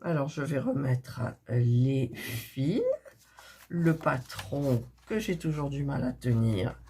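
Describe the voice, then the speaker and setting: A middle-aged woman, hoarse and recovering from a cough, chatting softly and thinking aloud as she unboxes cross-stitch kits. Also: a bass voice, lively intonation, slow pace, slight background noise. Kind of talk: casual unboxing chat.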